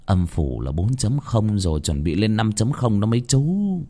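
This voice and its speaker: A matter-of-fact young ghost helper in a spoken ghost story, voiced by a male narrator. He talks calmly and plainly in a fairly low voice. His delivery stays easy. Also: normal speed, big-room sound.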